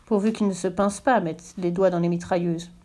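A woman's voice: on the low side, fairly even intonation, fairly quick, dark tone, close to an everyday voice. A woman reading a storybook voices a proud, hopeful businessman father who muses about his son. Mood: pleased.

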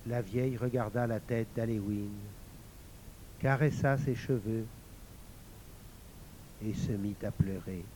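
A man narrating a fairy tale in a slow, measured way. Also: fairly low pitch, fairly even intonation, warm tone, slight background noise. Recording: slightly muffled recording.

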